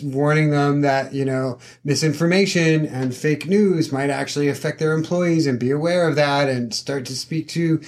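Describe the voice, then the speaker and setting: A man co-hosting a podcast, talking casually and thoughtfully and giving practical teaching advice. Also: a little high. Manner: thoughtful, uses many fillers like "you know". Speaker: podcast co-host. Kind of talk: casual chat.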